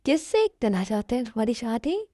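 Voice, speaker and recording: A caring young college guy, voiced by a woman in an amateur dubbed love story, soothing and earnest as he talks. The voice sits fairly high and mellow. It is recorded close and dry. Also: big pitch swings, brisk, dry recording.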